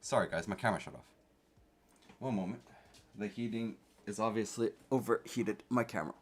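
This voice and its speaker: Chatting casually with live-stream viewers, a young Canadian man raised speaking Korean at home reads the chat aloud and gets playfully defensive. He has a fairly low pitch and a brisk pace.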